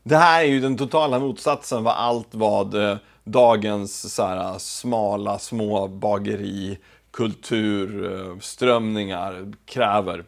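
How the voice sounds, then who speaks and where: A man's voice: lowish voice, vocal fry. A man hosting a casual home cooking video, talking to the camera while he cooks, with offhand, self-deprecating asides. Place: home kitchen.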